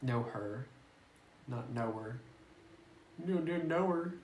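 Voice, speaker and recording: Her voice is very deep, animated, slow, and a little mellow as she plays through a game, reading its text aloud. This gaming YouTuber is chatty and giggly, thinking out loud, and the phone recording sounds roomy with a faint hiss.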